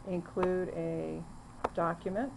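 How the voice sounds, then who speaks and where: A woman narrating a screen-recorded software demo, walking through the steps plainly with frequent fillers. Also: fairly low pitch, fairly even intonation, slow, vocal fry, background noise. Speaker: software demonstrator.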